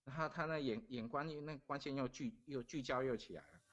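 A man's voice: mid-range voice, fairly quick, fairly bright tone, highs cut off. Middle-aged man. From Taiwan. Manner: earnest, repeats phrases while recounting events. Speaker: guest. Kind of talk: casual storytelling.

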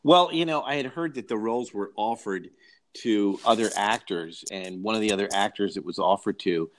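A man's voice: on the low side, normal speed. A man co-hosting a casual film discussion, rambling with lots of restarts and repeated words. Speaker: podcast co-host.

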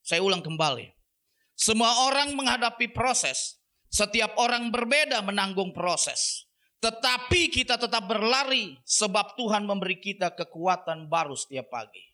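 A man's voice: high voice, lively intonation, moderate pace, bright, forceful tone. A male pastor preaching a sermon, emphatic and repetitive, addressing the congregation directly. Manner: repeats catchphrases, emphatic preaching.

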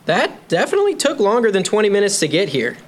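A man's voice: sits high, huge pitch swings, fast, heavily acted. A young man playing an earnest, reassuring teenage boy in a naturalistic drama.

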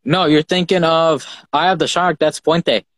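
A man's voice: on the high side, steady tone, a little slow, a bit bright, no echo, rough recording. A man from Fiji hosting a casual chat, rambling and repeating words as he talks, swearing now and then. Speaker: host.

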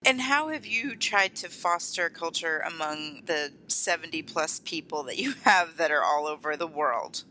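Bright, forceful woman podcast host. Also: low voice, lively intonation, measured pace, few pauses, slight background noise, low-quality recording. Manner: polished, presenterly. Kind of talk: podcast intro and interview questions.

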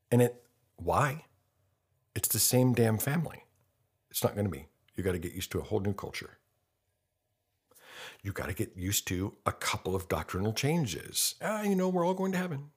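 A man's voice: low voice, husky. A man in his fifties, a podcast host delivering an impassioned, blunt monologue with rhetorical questions. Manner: earnest and blunt, with rhetorical questions and mocking quoted voices.

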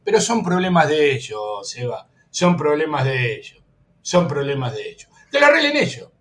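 A high-voiced Argentine man hosts a sports radio show with wild swings in energy. He mocks rival fans, laughs a lot, and calls out to the control room between rants. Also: moderate pace. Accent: Argentine Spanish. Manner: animated, mocking, laughs often; gives orders to the control room. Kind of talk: excited sports talk.

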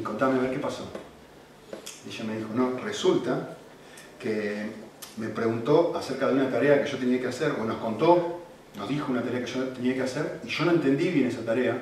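A man preaching a sermon as pastor, swinging from loud emphasis to quiet storytelling. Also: medium pitch. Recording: echoey room from far off, faint noise.

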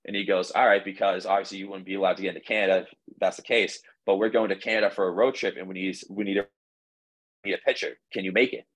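Low-voiced young man telling a rambling story. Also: little pitch movement, fast talker, fairly bright tone, poor audio. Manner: rambling, filled with "like" and restarts. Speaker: podcast guest, baseball pitcher. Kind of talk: casual storytelling.

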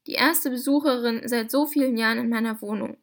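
A woman voicing a small, excitable bald male inventor who talks in an effusive, polite way. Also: a little high, a little fast, close to an everyday voice. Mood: overjoyed.

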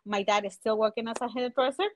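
Speaking in a fairly high, steady voice, a Chilean woman in her forties is a guest entrepreneur in a casual interview. English is her second language, and her Chilean Spanish accent comes through as she halts, hunts for words, and leans on frequent fillers.

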